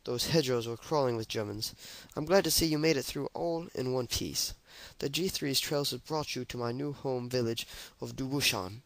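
A man's voice: medium pitch, normal speed, few pauses, no room sound, lightly acted. A young man voicing a French resistance woman, reading her mission briefing aloud in a mock French accent.

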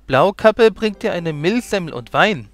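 A man's voice: high voice, lively intonation, unhurried, fairly bright tone. Innocent storybook boy, earnest, read by a man. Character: innocent little boy on his way to grandma.

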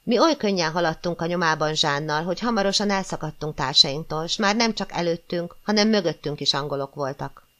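A woman narrating a classic novel as an audiobook, in a measured, expressive storytelling manner. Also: on the low side. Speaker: audiobook reader.

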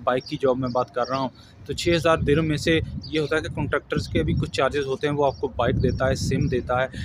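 A man's voice: medium pitch, steady tone, fast talker. A man, giving earnest job advice to viewers in a casual vlog, recorded outdoors on a camera held at arm's length. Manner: earnest, advising, addresses viewers as friends. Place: outdoors on a grassy lawn by buildings. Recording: outdoor ambience with traffic noise.

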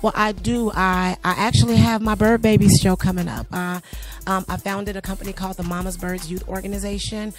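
A middle-aged singer and youth arts instructor with a naturally raspy, mid-range voice answers interview questions a little fast, relaxed and chatty, trailing off with lots of fillers and light laughs. She is recorded in a small studio in front of a logo backdrop, speaking into a handheld mic held by the interviewer, with faint music behind her.

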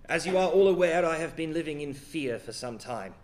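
A haggard, frightened gentleman, voiced by a man speaks in formal, stammering phrases. He has an Australian accent and a gruff edge, and his speech comes out stiff and halting. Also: fairly high pitch, animated, natural voice. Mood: fearful. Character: haggard, fearful wealthy older gentleman.

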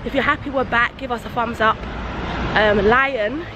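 A woman's voice: on the high side, normal speed. A young woman chats casually and informally to viewers, vlogging outdoors on a handheld camera. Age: young adult. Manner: chatty, informal, addressing viewers directly. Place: outdoors walking along a suburban street. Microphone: handheld camera at arm's length. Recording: noisy outdoor street with passing traffic.

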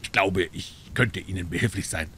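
Male reader doing a cool, clever detective, low, soft-spoken, unhurried. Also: a little hiss or hum. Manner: calm, friendly, measured. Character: calm, shrewd male detective.

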